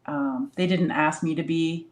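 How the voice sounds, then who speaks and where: A woman with a low voice chatting warmly in a spiritual discussion. She rambles and fills her speech with likes and ums, laughing often. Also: steady tone, a little slow. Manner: warm, rambling, many fillers, laughs often.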